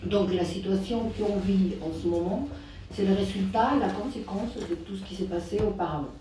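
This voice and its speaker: A woman's voice: fairly low pitch, warm tone. Echoey, hesitant woman with foreign Spanish accent. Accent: foreign, Peruvian Spanish accent in French. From Peru. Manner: hesitant, searching for words. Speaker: grassroots activist giving a talk. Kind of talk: informal public political talk. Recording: distant mic, echoey room, faint noise.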